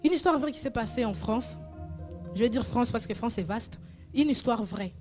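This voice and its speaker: A woman telling a true story as a moral lesson, animated and full of rhetorical questions. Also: fairly high pitch, moderate pace, soft background music.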